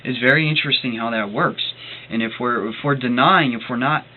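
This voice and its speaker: A man's voice: mid-range voice, a little fast. A man reading a book aloud and explaining it in his own words, hesitant and full of fillers and restarts but earnest about the subject. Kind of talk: reading aloud with spoken commentary. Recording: tinny phone-like recording with faint noise.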